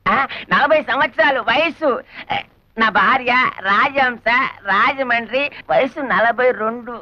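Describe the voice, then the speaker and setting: A man's voice: very high-pitched, unhurried, dry recording, highs cut off. A man in his forties with a Malayali accent, playing a suspicious, jealous husband who snaps back at a visitor in a film comedy scene. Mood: gruff. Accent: Malayali Telugu. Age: 40s. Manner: jealous, snappy retorts. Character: suspicious middle-aged Malayali husband, gruff.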